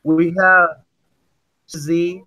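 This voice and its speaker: A man's voice comes through an online call that keeps glitching and cutting out, the words arriving in choppy fragments. His tone is bright and tense, a bit higher than most men's, and he speaks slowly. He makes his point in questions. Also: little pitch movement, poor audio. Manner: argues in rapid rhetorical questions. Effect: call audio breaking up, choppy dropouts. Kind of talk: casual sports chat.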